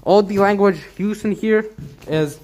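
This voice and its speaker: A young man with a high-pitched, slightly mellow voice speaks a bit slowly. He is vlogging on a handheld camera while walking through a big abandoned factory, chatting casually about what he sees.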